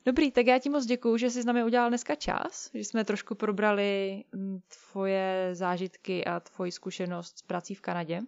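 A woman hosting a casual podcast interview, talking in a relaxed, conversational way. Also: medium pitch, hardly any pauses, no echo, highs cut off. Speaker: host.

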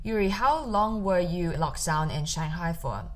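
A woman's voice: fairly low pitch, lively intonation, unhurried. A young woman hosting a podcast, reading an introduction and interviewing a guest. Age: young adult. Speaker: podcast host.

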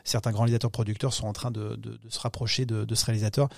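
A man's voice: lowish voice, little pitch movement, very fast, gravelly, a little mellow, dry recording, studio quality. A man talking about upcoming films in a podcast interview, hesitant, with many fillers and restarts. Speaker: film distribution executive.

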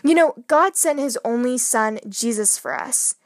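A woman with a high, light voice hosts a relaxed faith podcast, reading scripture aloud and then retelling it with earnest wonder. She takes her time over every phrase, and the sound is close and dry with no room around it. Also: a little slow, no echo. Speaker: podcast host.

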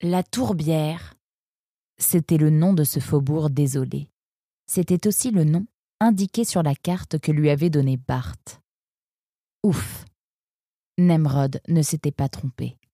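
A woman narrating a children's story in a calm, measured way. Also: sits low, no room sound, studio quality.

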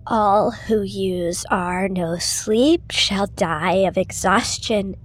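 A woman voicing a malevolent stick-figure entity that speaks in a slow, icy, hissing whisper. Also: mid-range voice. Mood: menacing whisper.

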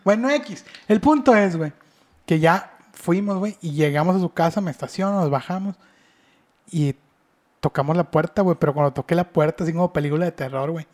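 A man with a Mexican accent telling a story in casual chat, slangy and animated, dropping to a whisper for suspense. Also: a little high, a little fast. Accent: Mexican Spanish.

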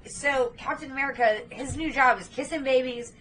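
A woman co-hosting a podcast, recapping a movie in excited casual chat, swearing freely and acting out lines. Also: sits high, moderate pace. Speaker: podcast co-host.

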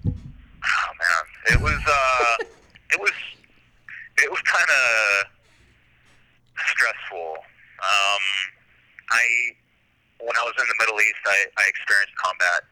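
A man with a low voice is heard over a prison phone line, and his tone is very bright and cutting. He talks in a halting way, full of ums and repeated starts, through a tinny phone connection. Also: lively intonation. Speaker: incarcerated student calling in.

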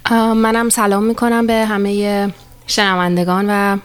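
A woman's voice: medium pitch, little pitch movement, clear, resonant tone. A woman from Isfahan with an Isfahani Persian accent, introducing herself as a radio presenter. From Isfahan, Iran.

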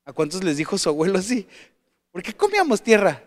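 A man giving a motivational talk to parents, animated and asking the audience questions, with asides and jokes. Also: high voice, brisk. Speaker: speaker addressing parents.

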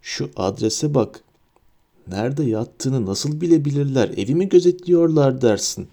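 A man's voice: medium pitch, lively intonation, moderate pace, dark tone. Man playing a fussy, anxious aunt; shaky, raised voice, storybook reading. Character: nervous fussy middle-aged aunt.

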